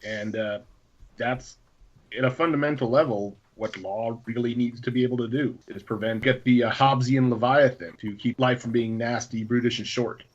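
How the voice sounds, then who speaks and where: A man's voice: medium pitch, fairly even intonation, normal speed. A man who is a former law clerk, a guest on a podcast, explaining things in a chatty way with fillers and chuckles. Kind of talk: casual podcast chat. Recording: slightly dull lo-fi sound.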